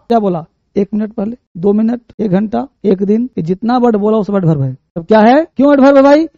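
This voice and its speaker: Animated high-voiced male teacher. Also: no echo. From India. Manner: animated, acts out everyday scenes to explain. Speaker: English grammar teacher. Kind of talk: classroom lecture. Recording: muffled, slightly lo-fi sound.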